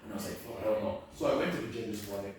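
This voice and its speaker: Fast-talking man in an echoey room. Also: on the low side, crowd noise. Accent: Irish-tinged. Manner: rambling storytelling, restarts, swears. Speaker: comedian guest. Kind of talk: casual podcast chat. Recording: echoey room, mic at a distance.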